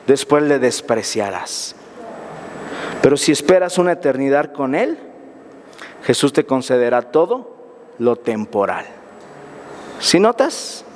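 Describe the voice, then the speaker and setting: A man's voice: on the high side, a little hiss or hum. A man preaching a sermon as pastor, emphatic and firing repeated questions at his congregation. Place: church hall. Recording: reverberant church hall.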